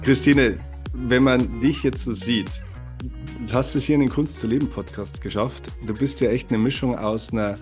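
A man's voice: mid-range voice, moderate pace, darkish tone, soft background music. A man hosting a podcast interview, asking questions hesitantly and repeating words as he goes. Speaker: podcast host.

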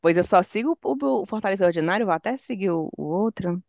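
A woman's voice: medium pitch, expressive, fast talker, gravelly, highs cut off, over a noisy crowd. A woman, co-hosting a casual chat and telling stories animatedly, often breaking into laughter. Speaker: podcast co-host. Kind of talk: casual chat among friends. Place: lives in London, recorded remotely.

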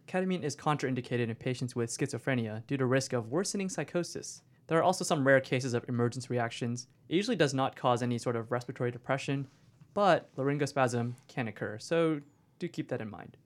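A man's voice: medium pitch, animated, fast talker. A man co-hosting a medical podcast, explaining scripted educational material to peers in a corporate training video manner.

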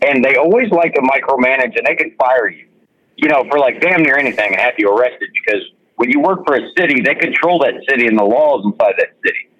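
Wisecracking podcast co-host, lo-fi sound. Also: male voice, medium pitch, animated, fast, fairly bright tone, dry recording. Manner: joking, wisecracking. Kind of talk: casual podcast chat. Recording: slightly dull lo-fi audio.

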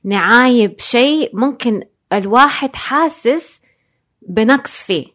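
A woman's voice: a little high, expressive, measured pace, a bit bright. A woman, a guest in a casual interview, speaking reflectively and dropping English phrases into her speech. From Saudi Arabia. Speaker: guest, designer and blogger.

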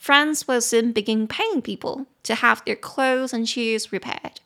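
Young woman, podcast English tutor, slightly high voice, casual Mandarin explanations with slow careful English read-outs. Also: pushed and bright. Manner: reads English sentences slowly and clearly, explains in Mandarin. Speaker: podcast host and English teacher.

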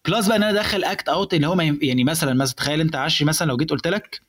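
A young man with an Egyptian accent, explaining in casual chat how to build a stand-up joke, animated and mixing in English words. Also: fairly high pitch, rapid-fire, husky. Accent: Egyptian Arabic.

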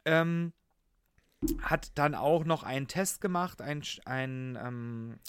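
A man's voice: on the high side, slow pace, clean tone. A man co-hosting a podcast in a casual, conversational style. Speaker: podcast co-host.

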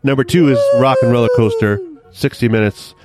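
A man's voice: medium pitch, lively intonation, a little fast. A man hosting a casual podcast, chatting about park news and running a guessing game for his co-hosts. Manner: chatty, runs the quiz game. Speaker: podcast host. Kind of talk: casual chat.

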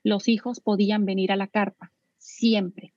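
A woman's voice: medium pitch, flat delivery, measured pace, darkish tone, no echo, highs cut off. A woman, a parenting expert speaking as a guest, who animatedly acts out talks between parents and children. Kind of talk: guest in a casual interview.

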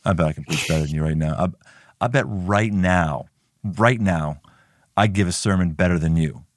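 A man's voice: deep voice, moderate pace, no echo, studio quality. A man hosting a casual chat and preaching off the cuff, playfully competitive and repeating phrases for emphasis. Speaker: podcast host and preacher.

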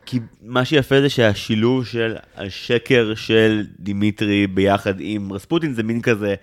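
A man in his thirties hosting a podcast, chatty and jokey, full of quick asides. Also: fairly low pitch, steady tone. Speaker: podcast host. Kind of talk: casual podcast chat.

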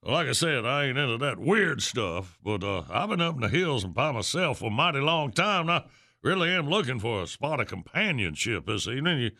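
An actor playing a dusty, lonesome old prospector in a comic radio sketch, with a folksy, halting rural Western American drawl. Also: male voice, medium pitch, sing-song, vocal fry, bright, forceful tone, heavily acted. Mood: hesitant, wary. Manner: folksy old prospector talk, hesitant stammering.

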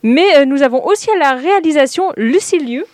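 Higher-voiced woman, dry close sound. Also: lively intonation, fast, darkish tone, dry recording. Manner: chatty, hesitant, many fillers. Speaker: podcast co-host presenting a series. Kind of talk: casual chat.

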